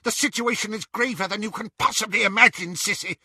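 A man's voice: fairly quick, pushed and bright, breathy edge, no room sound, clean studio sound, exaggerated voice. A man doing a shrieking, cruel witch. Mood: shrieking, commanding. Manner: shrill, screaming, commanding. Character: shrieking unhinged woman, fierce and cruel.

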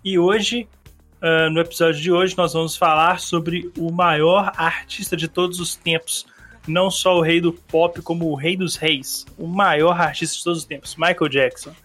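A man from Brazil, a bit hoarse, hosting a casual solo podcast and rambling along in a slangy, chatty way. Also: fairly high pitch, fairly even intonation, moderate pace, fairly bright tone, faint music behind. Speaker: podcast host. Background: faint song playing.

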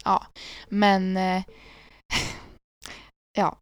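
A woman's voice: mid-range voice, clear, resonant tone. A young woman co-hosting a casual chat, telling stories animatedly and acting out quoted voices. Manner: animated storyteller, acts out loud quoted voices. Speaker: podcast co-host.

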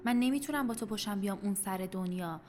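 A woman's voice: mid-range voice, a little mellow, natural voice. An actress playing a young woman music teacher in a radio drama, teasing her partner and then pleading earnestly.

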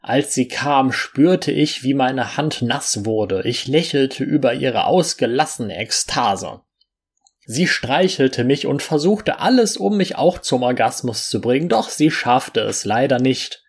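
A man narrating a first-person story as an audiobook, reading in an unhurried way with small slips and restarts. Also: medium pitch, animated, husky.

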